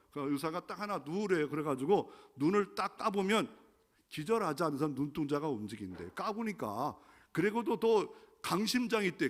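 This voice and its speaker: A pastor preaching a sermon in a conversational way, asking the congregation questions and building to emphatic calls. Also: male voice, fairly high pitch. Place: large church sanctuary. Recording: long hall reverb from church sanctuary.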